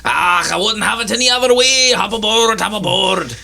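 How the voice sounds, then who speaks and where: A man plays a boisterous old sea captain in a tabletop game. The voice is pushed high, bright and hearty. It is loud and welcoming. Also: moderate pace, gravelly, full character voice.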